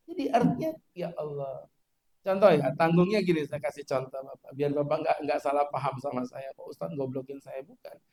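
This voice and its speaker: A man preaching a mosque sermon in a lively, joking way, chanting short recitation examples. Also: a little high.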